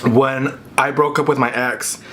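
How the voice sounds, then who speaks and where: A man's voice: mid-range voice, fairly even intonation, measured pace, pushed and bright. A man talks casually and candidly as a vlogger, chewing as he speaks, with "like" peppered through his sentences. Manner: chewing and talking with his mouth full. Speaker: vlogger hosting an eating video. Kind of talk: casual chatty mukbang vlog. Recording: clear background noise, dish clinks and clicks.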